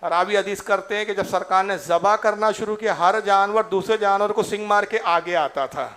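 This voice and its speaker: High-voiced impassioned male preacher. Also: a bit bright. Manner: impassioned, with colloquial asides to the listeners. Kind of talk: sermon storytelling.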